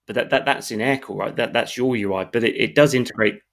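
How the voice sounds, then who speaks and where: A man with a medium-pitched, fairly bright voice hosts a business podcast and works as a sales director. He talks fast and casually, stumbling over repeated words.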